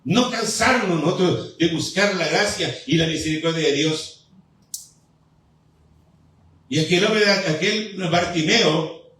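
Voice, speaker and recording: A man preaching a fervent sermon as pastor, with pauses and repeated appeals to the congregation. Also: sits high, fairly bright tone, a little hiss or hum. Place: church sanctuary. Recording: echoey church hall, mic at a distance.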